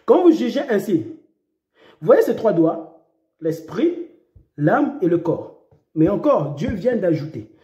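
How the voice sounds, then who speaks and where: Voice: mid-range voice, big pitch swings, takes it slowly, pauses often, warm tone, roomy sound, dull audio. A preacher delivering an impassioned sermon, repeating phrases and breaking into dramatic cries.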